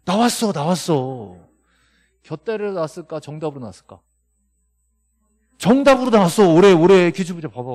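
A man's voice: a little high, a little mellow, slightly rough. A middle-aged man lecturing a classroom on property law, scolding and joking with his students and firing rhetorical questions at them. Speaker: real estate law instructor.

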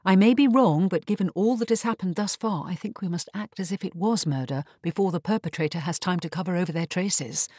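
A man's voice: high-pitched, brisk, hardly any pauses, darkish tone, dry recording. A polite but firm young heroine, read by a man, urgent and composed. She stays close to the reader's own voice. The sound is dry.

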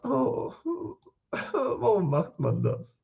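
A man's voice: high-pitched, very animated, drawn-out words, vocal fry, breathy edge. Blunt German man reviewing listings live. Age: adult with school-age children. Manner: blunt, thinks aloud, mutters while counting. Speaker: host reviewing product listings. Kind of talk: live product review chat. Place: home office. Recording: slightly dull, lo-fi stream audio.

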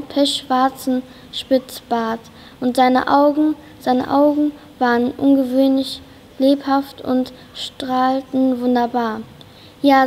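A woman's voice: sits high, darkish tone. A woman reading a children's novel aloud in a reading competition, carefully, with small slips and restarts. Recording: long reverb of a school hall.

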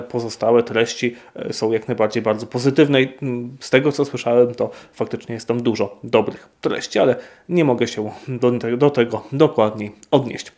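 Man, priest, viewer Q&A, measured, pauses and fillers, mid-pitched voice. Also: a little mellow. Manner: measured, hesitant with frequent fillers. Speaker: priest answering viewer questions. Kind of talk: unscripted Q&A answers.

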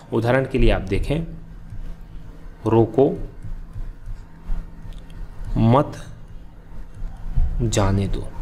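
A man's voice: medium pitch, a little hiss or hum. A man teaching an exam-prep grammar lesson, explaining step by step and asking and answering his own questions.

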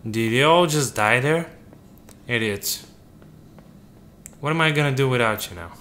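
A man's voice: medium pitch, a little slow, fairly bright tone, a little hiss or hum. A man giving casual gameplay commentary, joking and talking to the game's characters as if they were his crew. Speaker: let's play gamer.

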